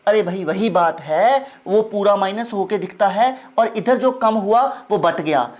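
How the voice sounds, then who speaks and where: A man's voice: high voice, unhurried, lo-fi sound. Coaxing young male teacher. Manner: coaxing and repetitive, drills points by repeating phrases. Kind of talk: classroom lecture.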